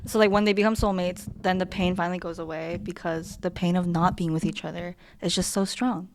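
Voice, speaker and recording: A woman's voice: fairly low pitch, steady tone, brisk, a little hiss or hum. A woman co-hosting a podcast, reading fanfic aloud and casually explaining the story. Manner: plain narration, then explains points casually. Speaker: podcast co-host.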